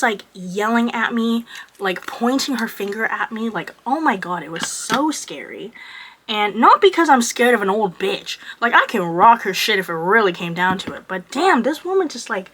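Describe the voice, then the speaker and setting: This is a twenty-one-year-old woman telling a story in a casual vlog, her pitch sitting in the middle range. She swears freely and piles on filler words as she talks. There is a faint hiss of noise behind her voice. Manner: profane, animated, heavy use of filler words. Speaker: vlogger. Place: at home doing makeup on camera.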